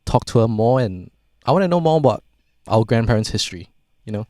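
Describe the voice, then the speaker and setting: A man from Singapore hosts a casual podcast. His voice sits at an average pitch, and he rambles with plenty of "like" and the odd curse. The recording is dry and close. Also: expressive, fairly quick, darkish tone, no room sound. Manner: rambling, swears freely, frequent "like". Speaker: podcast host.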